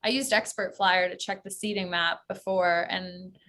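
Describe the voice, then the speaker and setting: A woman's voice: fairly low pitch, fairly even intonation, moderate pace, a bit bright. An American woman, a travel expert, chatting as a guest in a casual interview, full of fillers like "like" and "um". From United States.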